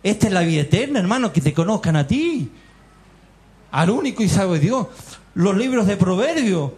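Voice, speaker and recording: A man's voice: high-pitched, very animated, moderate pace, darkish tone, breathy edge. A man with a Chilean accent preaching a fervent sermon in a church meeting hall, firing rhetorical questions and calling his listeners brothers. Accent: Chilean Spanish. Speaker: lay preacher.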